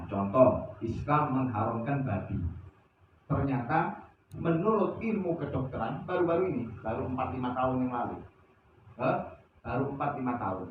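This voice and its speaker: A man's voice: fairly high pitch, a little hiss or hum. Guy preaching in a big echoey hall, far from the mic, kinda muffled, keeps going "hah?". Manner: animated, rhetorical questions with "hah?". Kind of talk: religious study lecture. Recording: echoey, distant, dull lo-fi sound.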